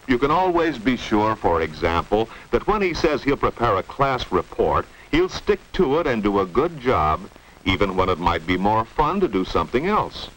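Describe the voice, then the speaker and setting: A man's voice: medium pitch, a bit bright. An American man narrating a 1950s instructional film in an explanatory way, posing rhetorical questions. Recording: noisy vintage 1950s film soundtrack.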